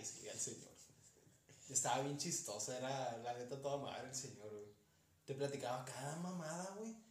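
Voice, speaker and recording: A man's voice: mid-range voice, a little mellow. A young man from Mexico co-hosting a podcast, telling stories in slangy casual chat and acting out the people he quotes. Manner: slangy storytelling, acts out quoted voices. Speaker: podcast co-host. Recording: echoey room with faint noise.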